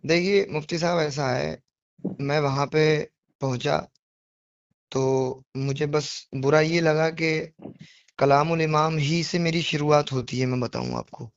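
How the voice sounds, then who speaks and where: A devotional poetry reciter speaks on a dry phone-call recording, his male voice on the high side with vocal fry, fairly even intonation, and a slightly slow pace. Earnest and apologetic, he keeps explaining himself insistently, repeating things and asking rhetorical questions.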